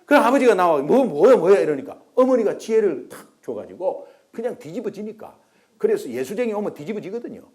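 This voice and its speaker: Animated middle-aged male pastor. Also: high voice, fast talker. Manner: animated storytelling, acting out voices of the people in his story. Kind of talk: storytelling sermon.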